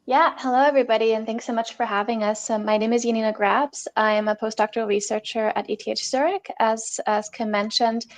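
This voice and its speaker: A woman's voice: on the high side, fairly even intonation, a little fast, hardly any pauses. A woman postdoctoral researcher introduces her work carefully as a panelist.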